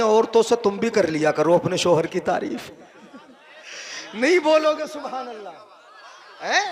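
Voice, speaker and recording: A man preaching a religious sermon, who keeps asking the audience questions, repeats phrases for stress, chants verses slowly and shouts at the high points.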